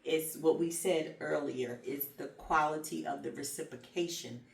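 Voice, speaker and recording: A woman co-hosting a casual advice chat, speaking earnestly and pausing on fillers as she makes her points. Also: sits low, vocal fry. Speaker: podcast co-host. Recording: echoey room, mic at a distance, faint noise.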